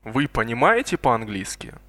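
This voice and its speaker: A man modeling pronunciation for a language course, saying each phrase slowly and deliberately twice. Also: medium pitch, big pitch swings, pushed and bright, dry recording. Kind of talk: slow repeated pronunciation drills.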